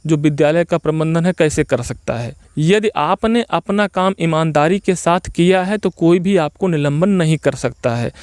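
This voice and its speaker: A man giving spoken opinion commentary as a video host, arguing his case point by point and pausing often on repeated filler phrases. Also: on the high side, darkish tone, clear, resonant tone, no room sound, studio quality. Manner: argumentative, explains point by point.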